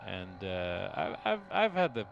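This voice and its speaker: A middle-aged Dublin man, a racing team executive, is the guest in a casual interview at a race track, speaking with an Irish accent. He's hesitant, pausing often, restarting sentences and using plenty of fillers, in a low voice with wildly swooping pitch and vocal fry. The recording has its highs cut off and faint track noise behind him.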